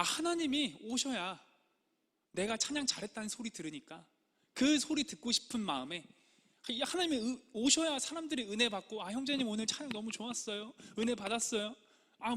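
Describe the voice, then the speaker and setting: A young man preaching in a church sanctuary, with a strikingly high, bright voice. He speaks with earnest conviction and slips into the prayers and pleas he quotes. A long reverb trails each phrase through the hall. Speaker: pastor. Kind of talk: sermon.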